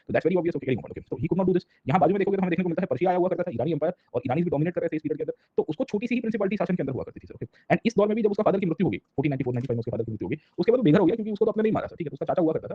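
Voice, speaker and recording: A man teaching an exam-prep history lecture, switching between Hindi and English and often pausing to check that students follow. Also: on the high side, lively intonation, slightly rough, phone-quality sound. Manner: mixes Hindi and English, keeps checking in with listeners.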